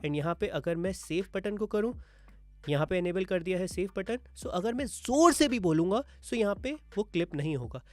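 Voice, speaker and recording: A man's voice: sits high, moderate pace, a little mellow, no room sound. A man with an Indian accent walking through a studio product demo, explaining features step by step. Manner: explanatory, mixes English terms into Hindi. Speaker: gear reviewer. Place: home studio. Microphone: wireless mic, then dynamic and condenser mics.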